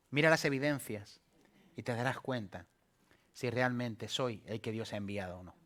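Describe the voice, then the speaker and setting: A man preaching a sermon as pastor, swinging from emphatic calls to soft asides and playful acted-out voices. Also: medium pitch. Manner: call-and-response preaching, rising to emphatic peaks then dropping soft; acts out playful asides and voices in a light humorous tone.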